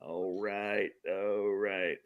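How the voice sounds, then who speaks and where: A man's voice: fairly low pitch, little pitch movement, extremely slow, phone-quality sound. A man from Texas hosting a casual livestream talk show, greeting viewers by name, often calling them brother and chuckling. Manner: friendly, calls people brother, chuckles often.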